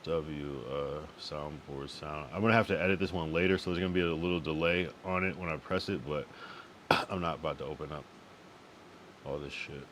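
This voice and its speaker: On a late-night live stream, a young man from the US East Coast, Connecticut and Massachusetts specifically, talks in a loose, laid-back, profane way and keeps repeating phrases. His bass voice stays steady and a little fast against a noisy background.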